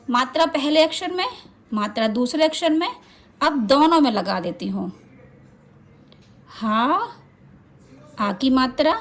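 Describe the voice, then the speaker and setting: A woman teaching a children's spelling lesson, sounding out syllables slowly and asking the viewer questions as she goes. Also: on the high side, a bit bright. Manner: slow, drawn-out syllables for pronunciation practice.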